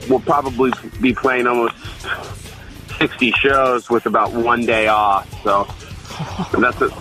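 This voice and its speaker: A man's voice: medium pitch, flat delivery, a little slow, over music, rough recording. A man, a touring band member, chatting loosely in an interview with lots of fillers. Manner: laid-back, loose, full of fillers and restarts. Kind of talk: casual interview chat.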